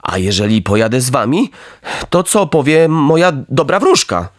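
A man's voice: mid-range voice, sing-song, moderate pace, dry recording, studio quality, natural voice. A man voicing an earnest, wavering wooden puppet boy. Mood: doubtful. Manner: earnest, pleading.

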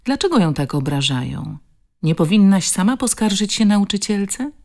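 A woman voicing a tough, rough-spoken woman with a strong, guttural voice who scolds bullies. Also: medium pitch, expressive, moderate pace, a little mellow, voice pushed up, close to an everyday voice. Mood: gentle.

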